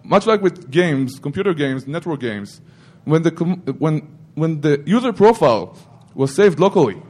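A middle-aged man speaks in a somewhat high voice, rambling through an informal technical talk. He often stops to correct himself mid-sentence. He throws in joking asides to the audience. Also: expressive, moderate pace, darkish tone. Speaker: security conference speaker.

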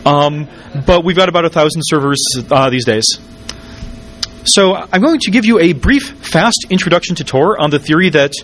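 A man giving a technical conference talk, wired on caffeine, hurried and jittery with stumbles and dry, wry asides. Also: on the high side, fairly bright tone, rough recording. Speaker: conference speaker.

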